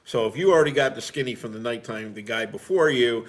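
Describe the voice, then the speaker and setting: A middle-aged firefighter with a mid-range voice tells stories at a quick pace. The conversation is casual, and his manner is blunt and salty.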